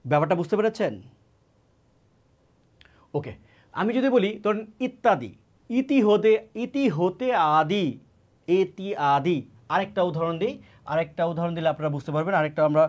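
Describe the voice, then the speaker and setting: A man's voice: on the high side, quick pace, a little mellow. A man giving an exam-prep grammar lesson, often repeating key words and asking and answering his own questions. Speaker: teacher.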